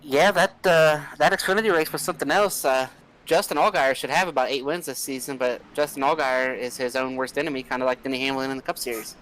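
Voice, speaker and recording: A man giving relaxed, chatty color commentary on an online racing broadcast, often using filler words. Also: mid-range voice, fast, rough recording.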